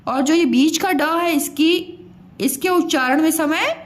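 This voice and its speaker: A woman teaching young children a grammar lesson, slowly sounding out words syllable by syllable. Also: high voice.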